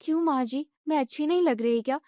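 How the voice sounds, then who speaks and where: Woman doing a higher voice for a fed-up young bride, quick and pert, dry mic. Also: mellow, dry recording, lightly acted. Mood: sweetly innocent. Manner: exasperated, quick. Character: frustrated clever young daughter-in-law. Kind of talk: storybook narration.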